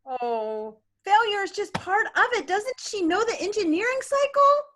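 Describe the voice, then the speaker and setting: Very high-pitched and unhurried, this woman co-hosts a storytime, giving an expressive read-aloud of a children's picture book. She stays animated throughout, chatting with young listeners in asides.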